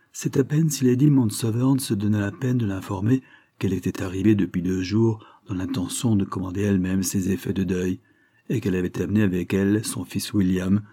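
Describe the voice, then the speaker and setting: Audiobook narrator, male, low husky voice, dark tone, steady literary delivery. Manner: even, literary reading. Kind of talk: scripted narration of a classic novel.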